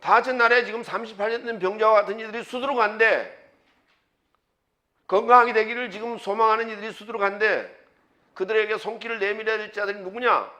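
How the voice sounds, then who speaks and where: A man pastor preaching a sermon, emphatic, with rhetorical questions and sudden loud bursts. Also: high-pitched, steady tone, fast.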